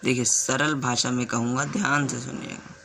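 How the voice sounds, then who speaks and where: A man teaching the alphabet in a slow classroom way. He repeats sounds, asks the class questions and writes on a board as he goes. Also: mid-range voice, steady tone, gravelly, pushed and bright, slight background noise. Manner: stops to write on a board while talking. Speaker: Hindi teacher.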